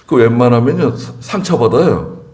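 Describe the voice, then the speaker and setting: A man's voice: medium pitch, expressive, normal speed, mellow. A male pastor preaching a sermon in church, telling stories with chuckling asides. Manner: anecdotal storytelling, chuckling asides.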